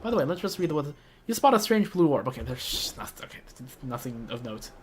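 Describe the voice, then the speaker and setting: A game player giving casual playthrough commentary in low-key, muttered asides. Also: big pitch swings, a little fast, a little hiss or hum. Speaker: gamer narrating a playthrough. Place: voice-over on game audio.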